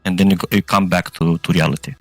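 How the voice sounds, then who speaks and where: A man's voice: low voice, steady tone, quick pace, a bit bright, no room sound, faint music behind. A man narrating a tabletop role-playing game as game master, improvising and often searching for his words.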